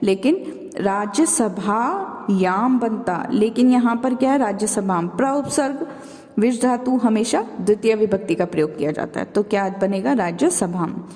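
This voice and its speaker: A woman's voice: medium pitch, expressive, measured pace, a little mellow, in a large hall. A woman teacher going through an exam revision lesson step by step, calling her pupils children and asking and answering her own questions. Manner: calls listeners children.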